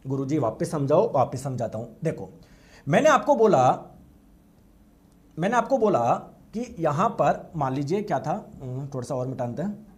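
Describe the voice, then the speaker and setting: High-voiced male lecturer. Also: very animated, normal speed. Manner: asks the class questions and acts out students' replies. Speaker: teacher. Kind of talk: classroom lecture.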